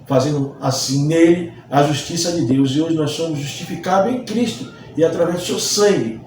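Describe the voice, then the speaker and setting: A man's voice: a little high, moderate pace, a little mellow, a little hiss or hum. A man from Bahia, a Baptist pastor, teaching a Bible study lesson earnestly and repeating phrases for emphasis. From Bahia, Brazil. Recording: distant mic, very echoey room.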